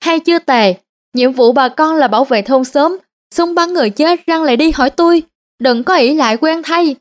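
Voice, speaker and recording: A woman's voice: high-pitched, moderate pace, close to an everyday voice. A woman voicing a pompous, lecturing old village chief with a Central Vietnamese accent. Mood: smug.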